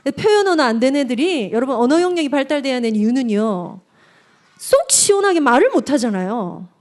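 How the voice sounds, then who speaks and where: Woman, evangelist, seminar lecture, high-pitched, swooping lively intonation, talks straight to the audience. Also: brisk. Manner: animated, addresses the audience directly, acts out quotes.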